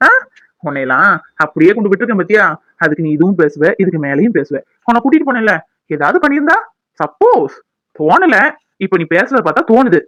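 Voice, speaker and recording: A man's voice: sits high, sharp tone, dry recording, heavily acted. A man voicing a scheming, taunting man in a cartoon, mocking and needling. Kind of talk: cartoon voice acting.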